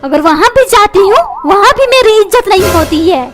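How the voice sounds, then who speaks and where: A woman voicing a dramatic middle-aged mother in a comic cartoon, complaining and snapping back in a squeaky, very high voice. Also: animated, normal speed. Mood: self-pitying. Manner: complaining, self-pitying. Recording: very loud music underneath.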